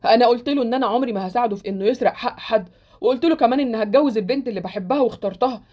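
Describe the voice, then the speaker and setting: A woman's voice: a little high, racing, mellow, lightly acted. A woman voicing an earnest, lovesick young man in an Egyptian Arabic Roblox drama, who speaks in a pleading way.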